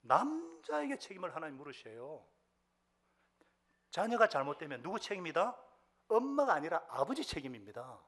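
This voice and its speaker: Male pastor mid-sermon, voice sitting a touch high, questioning the flock, jumping from loud outbursts to near-whispers. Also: huge pitch swings, moderate pace, pauses often. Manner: preaching with sudden loud outbursts and hushed whispered asides; asks the congregation rhetorical questions.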